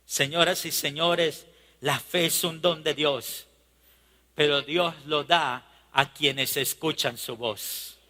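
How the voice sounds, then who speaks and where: A man's voice: a little high, fairly even intonation, takes it slowly, sharp tone, big-room sound. A man preaching a sermon as pastor, impassioned and building on insistent repeated refrains.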